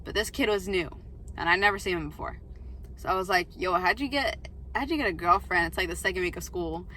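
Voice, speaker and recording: An eighteen-year-old woman rambles to the camera in a casual vlog from her car, parked outside a coffee shop, peppering her talk with "like" and quotes of herself. Her voice is lowish, brisk and sharp-toned. The rough recording carries slight background noise.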